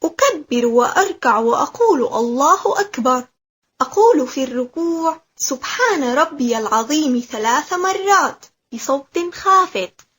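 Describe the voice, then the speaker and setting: A woman narrating a scripted lesson for children, explaining each step slowly and clearly. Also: sits high, animated, fairly bright tone.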